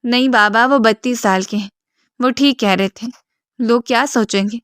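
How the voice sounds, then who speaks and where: A woman voicing a devoted young woman of twenty-one who pleads softly. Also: fairly high pitch, no room sound, studio quality, close to an everyday voice. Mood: pleading. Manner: pleading, soft.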